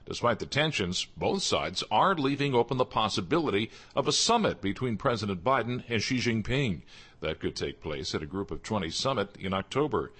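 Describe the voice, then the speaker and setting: A man's voice: on the low side, lively intonation, moderate pace, fairly bright tone, slightly rough. A man delivering a scripted radio news report as a correspondent.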